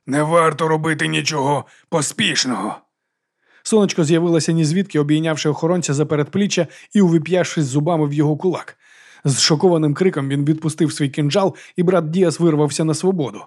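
Fast-reading man narrating a fantasy audiobook. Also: fairly high pitch, darkish tone.

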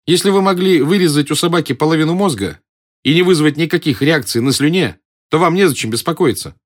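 A calm young woman with a teasing, unbothered manner, as a male reader puts her on in an audiobook. The voice sits well above his own, lifted and pushed a little louder. She stays cool and mocking with every reply. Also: on the high side, fast, voice pushed up, lightly acted. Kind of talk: audiobook character voice.

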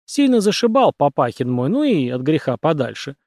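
A man reading an audiobook and voicing a chatty rural taxi driver who hunts, with folksy, unhurried speech. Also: a little high, sing-song, darkish tone, no room sound, clean studio sound.

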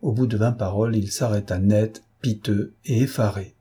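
A man reads a classic novel aloud, measured and expressive. His voice is deeply husky, with a warm, dark tone. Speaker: audiobook narrator. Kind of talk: literary audiobook narration.

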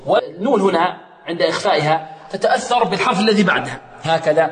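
A man teaching Quran recitation rules, quizzing his students and chanting verses slowly to show each rule. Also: high-pitched, lively intonation, echoey room, big-room sound, a loud crowd. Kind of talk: tajweed lesson with sung recitation.

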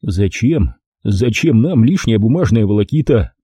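A man doing a gruff, mocking detective in an audiobook, low and unhurried, with cool menace in every word. The voice is dark and husky, recorded close and dry. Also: lively intonation, dry recording. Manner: slow, menacing, sarcastic. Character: gruff tough male ex-investigator detective, mocking.

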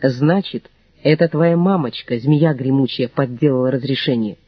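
A man's voice: mid-range voice, moderate pace, husky, no room sound, highs cut off, close to an everyday voice. A man reading an audiobook, voicing a sarcastic, combative young woman. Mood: mocking. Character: young woman, sharp and mocking.

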